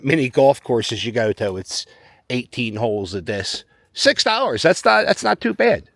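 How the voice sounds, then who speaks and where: A man with a mid-pitched voice talks casually as a travel vlogger outdoors. He rambles along with offhand observations, in an everyday conversational way. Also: dry recording. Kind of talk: casual vlog chat.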